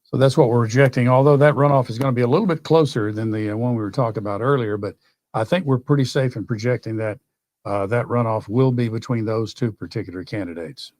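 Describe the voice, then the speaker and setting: Male co-anchor, hoarse and losing his voice, halting delivery with fillers, dry close mic. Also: medium pitch, darkish tone, no room sound. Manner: halting, casual, many fillers. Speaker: election night co-anchor. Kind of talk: live election commentary.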